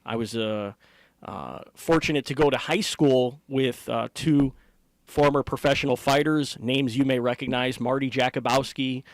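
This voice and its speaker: A man's voice: mid-range voice, normal speed, no room sound. Middle-aged American man, dry close sound. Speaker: professional ring announcer being interviewed. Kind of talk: conversational interview answers.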